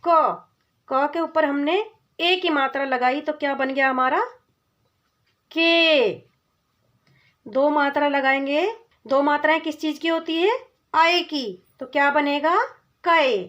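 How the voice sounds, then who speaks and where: A woman's voice: high voice, steady tone, unhurried, fairly bright tone, muffled recording. A woman teaching a children's lesson on vowel signs. She patiently asks questions and answers them herself, and often calls the child "beta". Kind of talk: slow children's Hindi lesson.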